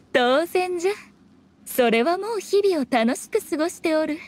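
Voicing a fox shrine maiden from an anime video game, a woman speaks high with big swings in pitch, using archaic, haughty phrasing. She takes her time, sounding sly, elegant, playful, fond and amused in a full character voice, with faint background noise.

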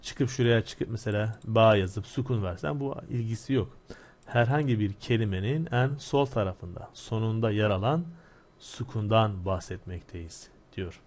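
A man's lowish, slightly mellow voice guides an Arabic grammar lesson step by step as he raises questions and answers them himself. His reading of Arabic phrases is slow, and his explanations that follow are quick.

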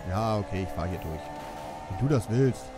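A young man with a deep voice and lively intonation talks at normal speed while playing a racing game. His casual let's-play commentary is jokey and self-mocking, set against game music and car sounds.

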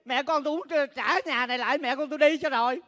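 A performer plays a sharp-tongued younger sibling, scolding in a high voice. The reproaches come in quick rushes. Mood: indignant. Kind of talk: live stage comedy skit.

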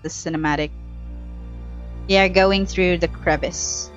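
A woman's voice: fairly low pitch, fairly even intonation, a little slow, dull audio. A young woman giving casual live gameplay commentary on a headset mic, chatty and thinking aloud in short bursts. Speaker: game streamer. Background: faint game music.

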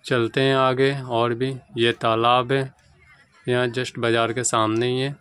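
A young man narrates his walk around a village market into a phone held at arm's length. His tone is bright and forward as he chats easily and points things out to viewers. Faint outdoor ambience runs under the voice. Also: mid-range voice, level tone, measured pace, a little hiss or hum, poor audio. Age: young adult. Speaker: vlogger. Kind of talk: casual walking vlog.

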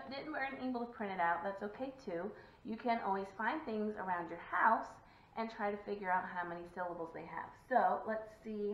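A woman's voice: medium pitch, slight background noise. Woman teacher, young adult, sing-song and encouraging, kids' lesson, roomy, muffled lo-fi sound. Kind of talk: video lesson for young children. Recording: echoey room, dull lo-fi sound.

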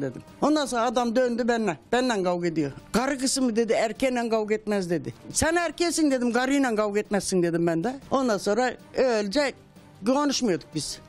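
A woman's voice: mid-range voice, darkish tone. An older widow giving emotional testimony in her home, retelling events and acting out the quoted dialogue in a raised voice.

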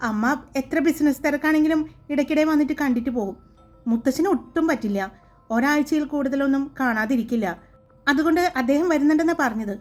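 A woman voicing a lively, chatty young woman who talks in an animated, teasing way. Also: high voice, quick pace, soft background music, lightly acted. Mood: explaining.

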